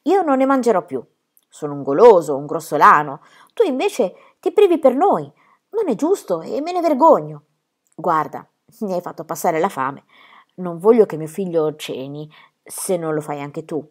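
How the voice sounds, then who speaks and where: A woman's voice: lowish voice, sing-song, normal speed. A woman voicing an older widowed ploughman who is earnest and kind, in an audiobook reading.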